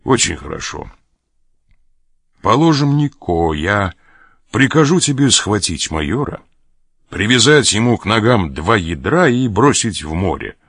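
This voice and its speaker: A man's voice: on the low side, big pitch swings, a little slow, fairly bright tone, breathy edge, dry recording, clean studio sound, heavily acted. A man reading aloud as a sly sailor who mocks and threatens an officer. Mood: mocking. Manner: mocking, laughs at threats. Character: sly mocking sailor, blackmailing a major.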